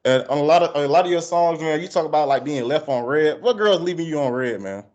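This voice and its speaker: A man's voice: a little high, lively intonation, fast, darkish tone. A man with a country Georgia Southern accent, interviewing casually in heavy slang. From Georgia, United States. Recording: dull, lo-fi call audio.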